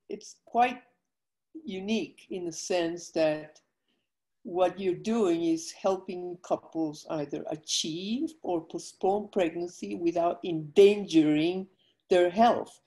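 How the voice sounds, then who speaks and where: A woman's voice: on the low side, slow, mellow, low-quality recording. An older woman from Guatemala, a foundation president, explaining her work earnestly over a video call while feeling weak from illness.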